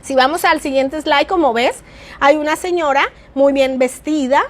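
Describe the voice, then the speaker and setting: A middle-aged woman with a naturally soft voice, teaching an online church class and shifting her tone and volume for emphasis. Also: high voice, moderate pace. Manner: varies tone and volume for emphasis, addresses listener as "mi amado".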